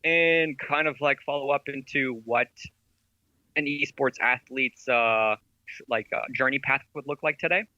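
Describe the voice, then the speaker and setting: Man, podcast guest, animated storyteller, bright forceful tone, dull lo-fi dry recording. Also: medium pitch, measured pace, no room sound. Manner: animated storyteller, laughs often. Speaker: esports veteran and gaming company CEO, guest. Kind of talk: casual podcast interview.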